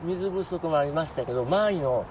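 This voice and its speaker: A man's voice: fairly high pitch, animated, fairly quick, darkish tone, slight background noise. A man with a Kansai accent, a volunteer gardener, answering an interview outdoors in an eager, polite way. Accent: Kansai Japanese. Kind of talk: casual interview.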